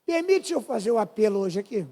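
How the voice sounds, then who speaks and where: A man's voice: high-pitched, big pitch swings, fairly quick, vocal fry, warm tone. A man in his fifties with a Brazilian Portuguese accent, preaching a fervent testimony to a congregation. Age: 50s. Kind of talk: sermon testimony.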